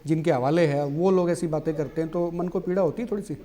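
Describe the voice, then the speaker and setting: A man's voice: a little high, steady tone, fast, mellow. A man interviewing a guest, asking questions and affirming her with frequent hums.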